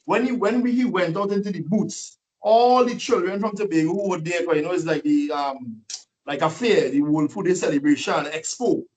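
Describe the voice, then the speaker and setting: Lively man, webinar talk. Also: high voice, moderate pace, far from the mic, low-quality recording. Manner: lively, preachy, rhetorical questions. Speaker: guest speaker.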